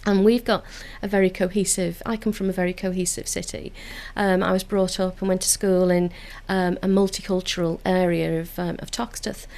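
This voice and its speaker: A woman's voice: on the low side, level tone, normal speed, vocal fry, few pauses, darkish tone. A woman with a Liverpool accent, speaking in an earnest, enthusiastic way in a radio studio interview about community work. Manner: earnest, enthusiastic, with frequent filler restarts. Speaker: council community engagement officer.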